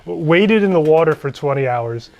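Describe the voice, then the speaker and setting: Dude on a podcast cracking up, retelling a funny clip, slightly high voice. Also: male voice, expressive, moderate pace, creaky, highs cut off. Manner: laughs often, retells funny videos with put-on quotes. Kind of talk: casual podcast chat.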